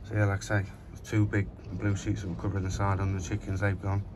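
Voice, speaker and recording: A man with a low voice talks fast in a completely flat delivery as he gives a chatty, plain-spoken tour of his windy allotment, then his indoor plants in a room at home. He films on a handheld phone, with wind noise outdoors before moving inside for this casual walk-through commentary.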